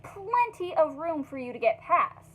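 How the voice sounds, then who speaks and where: A young woman telling a storytime vlog in a casual, animated way, heavy on fillers and swearing. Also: high-pitched, a little slow, low-quality recording. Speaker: vlogger.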